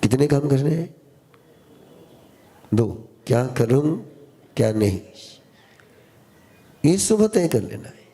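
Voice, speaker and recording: A spiritual teacher addresses a live audience in a mid-range, mellow voice that swings widely in pitch. His slow sermon relies on short, repeated phrases and call-and-response, with him quizzing the listeners.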